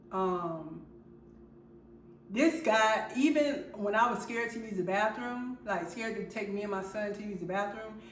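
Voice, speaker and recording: A woman vlogger telling a personal story in a halting way, with many fillers and restarts. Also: medium pitch, a little hiss or hum. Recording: roomy sound from a distant mic.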